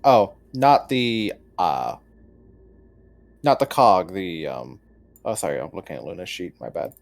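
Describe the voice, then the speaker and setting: A man's voice: low voice, animated, unhurried, gravelly. A man running a tabletop game as game master, rambling and correcting himself as he explains the rules. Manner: rambling, self-correcting, chuckles often.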